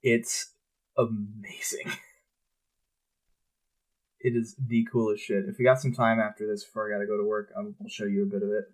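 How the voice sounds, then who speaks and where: Male co-host, low-ish voice, loose casual chat with some cursing. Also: rapid-fire, hardly any pauses. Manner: relaxed, swears freely. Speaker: podcast co-host.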